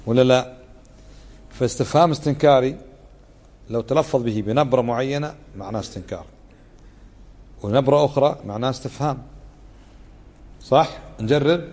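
A man's voice: mid-range voice, brisk, pauses often, a little mellow. A man teaching a religious lesson, explaining a text in a conversational way, often asking the listeners to confirm and acting out tones of voice to show what they mean. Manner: acts out tones of voice to show meaning. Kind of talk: lesson commentary. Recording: long hall reverb.

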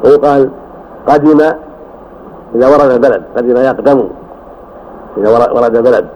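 An older man teaching as a sheikh, explaining a creed text slowly and correcting his student's reading with frequent "yes". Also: medium pitch. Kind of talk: classroom commentary on a text. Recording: dull old recording with faint hiss.

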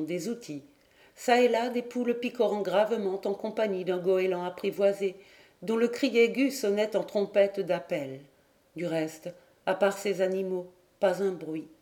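A woman narrating a literary audiobook in a measured, even storytelling manner. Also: medium pitch. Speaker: audiobook reader.

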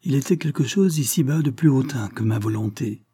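A man giving a solemn, measured, expressive dramatic reading of a literary text. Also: medium pitch, husky. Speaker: reader.

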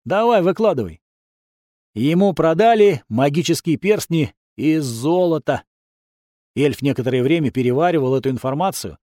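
Man, audiobook narrator, sardonic, animated pitch, dry close recording. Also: normal speed, dry recording. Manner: wry, sardonic delivery. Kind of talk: first-person fantasy audiobook reading.

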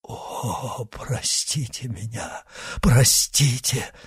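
A man reading aloud voices a dying, guilt-stricken executioner who begs for absolution in a husky, broken voice. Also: low-pitched, animated, normal speed, dry recording, studio quality, exaggerated voice. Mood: begging. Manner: desperate, broken pleading.

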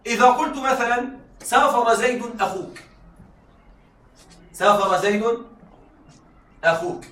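A man lecturing to a classroom, often repeating himself and asking if the students are with him. His voice sits high and sounds bright. He was recorded from a distance in a room with a strong echo. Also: unhurried. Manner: repeats points and checks students follow. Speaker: teacher of Arabic rhetoric. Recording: echoey room, mic far off.

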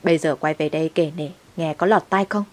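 A woman's voice: sits low, fairly quick, lightly acted. A woman voicing a bitter, blunt man who is out of prison and speaks with scorn. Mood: scornful. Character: bitter man out of prison, sharp-tongued father.

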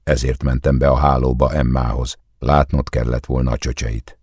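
A man with a very deep, husky voice voicing a crude young man who sneers at his friend in an audiobook. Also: flat delivery, a little mellow, dry recording, clean studio sound. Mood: scornful crude. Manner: coarse, scornful.

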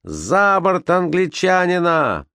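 A man doing angry, shouting sailors. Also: high-pitched, very animated, slow, no echo, studio quality, voice pushed up, exaggerated voice. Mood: furious. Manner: shouting, demanding. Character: angry thirsty crowd of sailors.

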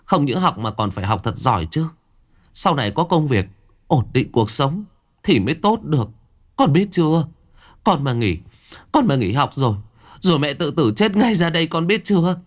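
A man's voice: very animated, brisk, a little mellow. A man voicing a poor, beaten middle-aged mother who pleads tearfully in a raised, strained voice. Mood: pleading. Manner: tearful, begging, high strained pitch.

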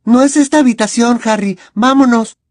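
Hermione: man doing a shrill, tense schoolgirl witch. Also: normal speed, darkish tone, no room sound. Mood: urgent. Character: frightened, insistent teenage schoolgirl witch.

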